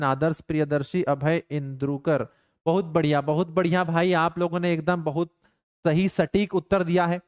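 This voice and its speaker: Teaching physics in a live online class, this young man has a high, clear, resonant voice. He mixes playful, stern banter with students into his worked problems, scolding them along the way. The studio-quality audio has no echo.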